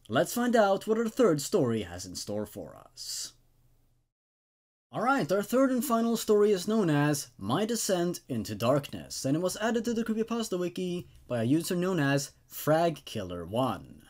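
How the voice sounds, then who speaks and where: His voice sits a little high and sounds a little mellow as he reads horror stories aloud and then reviews them. The host switches between dramatic narration and casual discussion, always with emphasis.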